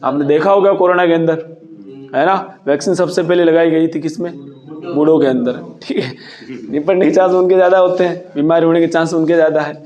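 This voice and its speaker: A male teacher with a slightly high voice lectures a class. He dictates notes line by line, repeats himself, and keeps asking the students questions. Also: fairly even intonation, a little fast, a little mellow.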